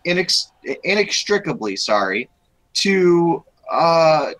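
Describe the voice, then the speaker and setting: A young man talking about video games in a loose, rambling way, stumbling over words and restarting sentences. His voice sits a little high for a man. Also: very animated, slow pace, fairly bright tone, low-quality recording. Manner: rambling, with many restarts and laughs. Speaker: podcast co-host. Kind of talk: casual gaming chat.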